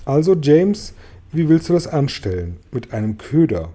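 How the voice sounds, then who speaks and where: A man reading a storybook aloud, voicing a kind, motherly ladybird who speaks gently. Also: fairly high pitch, very animated, normal speed. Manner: gentle, soothing.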